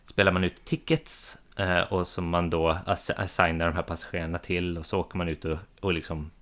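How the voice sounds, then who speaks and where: A man's voice: sits low, level tone, fairly bright tone. A man in his thirties, a podcast co-host chatting casually about board games, hesitant with many fillers and restarts. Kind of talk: casual chat.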